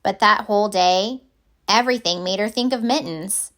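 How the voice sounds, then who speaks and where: In her mid-range voice, a woman reads aloud from a picture book for kids, taking an expressive, measured storytelling approach.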